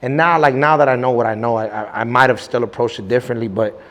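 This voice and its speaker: This young man talks fast in a steady, mid-range voice that's a bit bright, with long reverb behind him. As a guest in a casual interview he rambles through his story using slang, many restarts and plenty of "you know what I'm saying."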